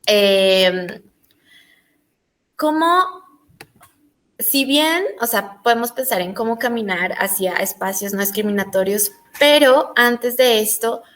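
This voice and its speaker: A woman's voice: on the high side, expressive, slow pace, fairly bright tone. A woman from Colombia leads an online panel discussion. She talks in a hesitant, searching way, full of fillers and restarts as she thinks aloud. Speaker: panel moderator.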